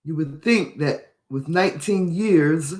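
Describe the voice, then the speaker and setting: A man's voice: a little high, slow pace, a little mellow. Indignant man reading news, echoey room. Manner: indignant, repeats phrases for emphasis. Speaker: podcast host. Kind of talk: reading and commenting on a news article.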